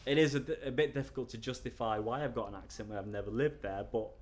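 Answering interview questions at a quick pace and mid pitch, a middle-aged North Wales man with a Scouse accent rambles chattily. His speech is full of fillers and restarts.

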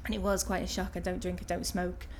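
A woman's voice: fairly low pitch, little pitch movement, fast, a little hiss or hum. A woman in her thirties with a Liverpool accent, answering interview questions casually and hesitantly, with many filler ums. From Liverpool, England.

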